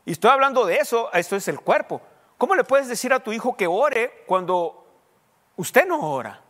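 A man's voice: very high-pitched, very animated, normal speed, fairly bright tone. A man, a pastor preaching in a conversational way that rises to emphatic questions. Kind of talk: sermon. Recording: long hall reverb.

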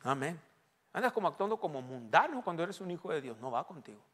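High-voiced man preaching a sermon. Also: big pitch swings, quick pace. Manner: preaching, swings from low asides to loud emphatic reading. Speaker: pastor.

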